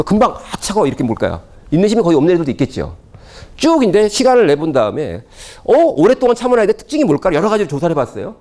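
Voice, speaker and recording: A man lectures to parents in an animated way, his pitch swooping up and down. He keeps firing rhetorical questions at his audience.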